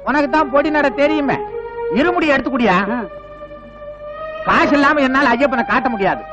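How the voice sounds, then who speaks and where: A man's voice: very high voice, moderate pace, over music. An actor playing a greedy, money-minded male guru who talks to pilgrims with scorn, in 1980s film dialogue. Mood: scornful. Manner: scornful, mocking.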